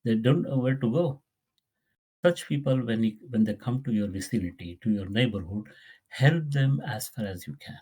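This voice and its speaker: A man's voice: mid-range voice, lively intonation, moderate pace, warm tone, husky. A man teaching a Quran lesson, earnest and pleading, often repeating his words. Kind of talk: religious lesson.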